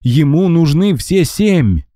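A man's voice: on the high side, very animated, slow pace, dry recording, clean studio sound, voice pushed up. A man voicing a desperate young male ghost calling out from a fog in an audiobook. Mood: frantic pleading. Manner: desperate, pleading shouts.

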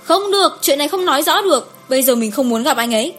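A woman voicing an upset pregnant young wife, sharp and defensive, in an audiobook story. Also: sits high, fast, faint music behind, pitched above the performer's own voice. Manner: sharp, defensive, then calm and resolute.

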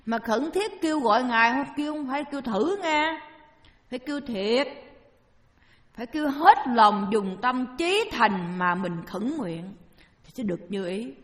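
A woman's voice: on the high side, expressive, measured pace. A woman giving a Buddhist dharma talk, asking her listeners questions and answering them herself with homely everyday examples. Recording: long hall reverb.

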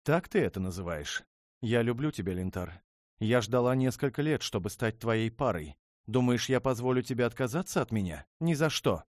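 A man voicing a proud, hot-tempered young dragon princess in an audiobook, with loud, shrill outbursts. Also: animated, measured pace, dry recording, clean studio sound. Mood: outraged. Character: haughty, furious young dragon princess, female.

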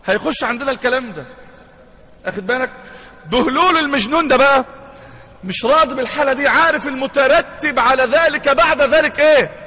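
Male Egyptian imam, sermon storyteller, very high bright voice, reverberant hall. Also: quick pace, husky. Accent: Egyptian Arabic. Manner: asks the crowd questions and answers them himself. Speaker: imam and preacher.

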